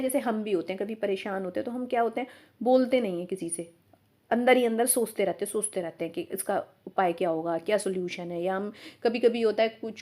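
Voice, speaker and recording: A woman's voice: fairly high pitch, a little mellow. A woman teacher giving an exam-prep lecture, explaining step by step and often asking and answering her own questions.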